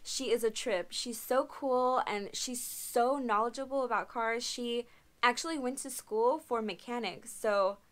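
Speaking a little high and a little slow, a twenty-something woman does a casual Q&A vlog indoors in her small bedroom, replying to viewers through her webcam. She's chatty, laughs a lot, and fills her talk with "um" and "like".

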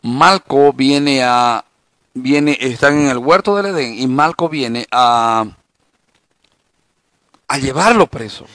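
A man's voice: mid-range voice, takes it slowly, pauses often, a bit bright, no echo. A man pastor giving a Bible study sermon in a conversational way, telling anecdotes and asking rhetorical questions.

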